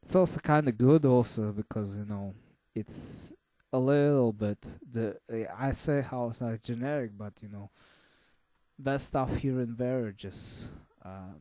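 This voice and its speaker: A man giving a casual album review, halting and full of fillers and restarts. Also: mid-range voice, warm tone, dry recording. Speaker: music reviewer.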